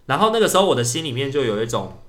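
A young man from Taiwan, a podcast co-host telling a story in casual chat, animated and acting out calls. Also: mid-range voice, racing. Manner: animated storyteller who acts out shouted calls.

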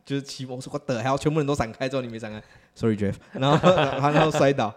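Brash, fast Taiwanese Mandarin man. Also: medium pitch. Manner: blunt, swears freely, drops English words. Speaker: podcast co-host. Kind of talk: casual chat.

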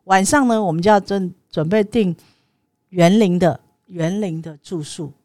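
A woman's voice: normal speed, no echo, studio quality. A woman hosting a podcast who tells a personal story in a casual way, acting out the phone calls in a raised voice. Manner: animated, acts out phone calls with raised pitch. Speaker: podcast host.

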